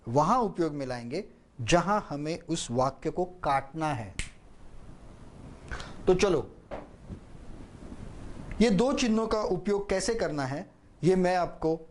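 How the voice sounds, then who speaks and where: A man teaching a spoken lesson on public speaking, deliberately demonstrating how stress on different words changes meaning. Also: fairly high pitch, a little mellow. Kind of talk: spoken lesson on speech emphasis.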